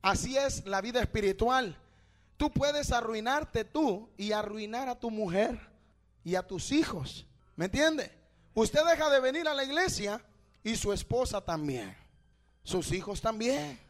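A male preacher with a strikingly high voice delivers a fervent sermon. He swings from loud exhortation to hushed storytelling. He keeps calling the listeners brother and asking them questions. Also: animated, unhurried. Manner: addresses listeners as brother, asks rhetorical questions. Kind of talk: evangelical sermon.

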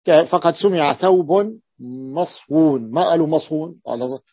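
A man from the Levant with a Levantine Arabic accent, a sheikh giving a classroom lecture and repeating words slowly to stress them. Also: fairly high pitch, breathy edge, no echo. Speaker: sheikh teaching grammar. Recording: dull lo-fi recording.

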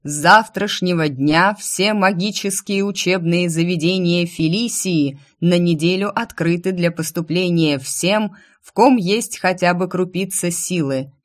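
A woman voicing a loud, pompous male town crier making royal proclamations in an audiobook. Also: a little slow, few pauses, close to an everyday voice. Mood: proclaiming. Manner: booming proclamations.

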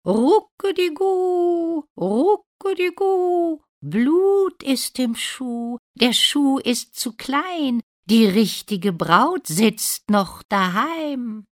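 A woman doing high chanting fairy-tale doves. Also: expressive, exaggerated voice. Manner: high sing-song chant, slow and loud. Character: pair of cooing doves, chanting warnings.

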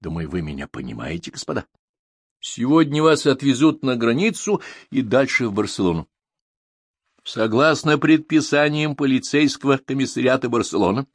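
A man's voice: on the low side, slightly rough, no room sound, studio quality. A man reading an audiobook, voicing a brusque, impatient male police commissar. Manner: brusque, commanding.

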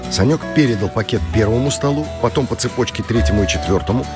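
A man reading a children's story aloud in an even storytelling manner. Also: mid-range voice, fast talker. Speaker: audiobook narrator. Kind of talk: scripted narration. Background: music.

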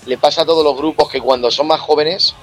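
A man's voice: a little high, steady tone, fast, fairly bright tone, faint music behind. A man in his forties with a Spain Spanish accent, a singer talking as a podcast guest in a frank, colloquial and jokey way. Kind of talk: casual music chat.

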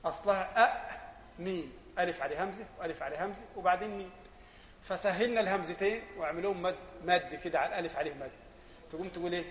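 A man with an Egyptian accent teaching a religious lesson as a sheikh. He asks questions and answers them himself, and builds to loud, emphatic passages. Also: high-pitched, very fast, reverberant, long reverb tail, a little hiss or hum. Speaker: sheikh teaching Islamic jurisprudence.

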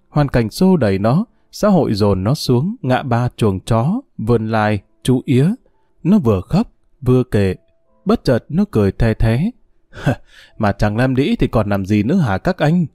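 Male audiobook narrator, warm, expressive, dry close read. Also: mid-range voice, dry recording.

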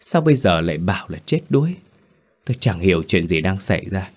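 Casting: male storyteller, low voice, grave and tense horror narration. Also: sing-song, fairly quick.

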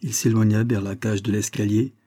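Husky low-voiced male storyteller. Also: flat delivery, mellow. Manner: measured, suspenseful storytelling. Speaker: narrator. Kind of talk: audiobook story reading.

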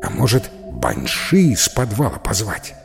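A man's voice: lowish voice, huge pitch swings, a little slow, gravelly, faint music behind, exaggerated voice. A man voicing a shy, kindly male house spirit who speaks in a hesitant, folksy way. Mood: fussing. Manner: hesitant, homely folksy speech.

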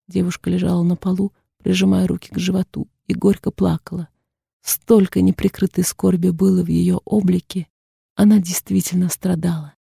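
Gravelly, husky woman reading a novel. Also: fairly low pitch, warm tone, dry recording, studio quality. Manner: subdued, introspective reading. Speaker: audiobook reader. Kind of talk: first-person novel narration.

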